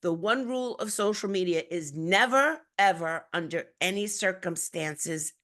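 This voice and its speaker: A woman's voice: on the low side, lively intonation, moderate pace, a bit bright. A woman hosting a podcast in casual chat, rambling and chatty with frequent restarts. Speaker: podcast host.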